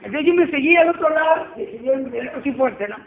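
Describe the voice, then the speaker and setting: A woman, giving a lively church testimony and acting out the dialogue as she tells it. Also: high-pitched, quick pace. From Peru. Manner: animated storyteller acting out dialogue. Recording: tinny phone-like line with faint noise.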